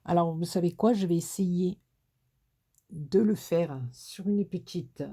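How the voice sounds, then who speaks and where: A woman from southern France, speaking with that region's accent, hosts a casual crafting tutorial. Her voice is lowish, slow and dark in tone. She's chatty as she works, talking to herself and teasing herself along the way.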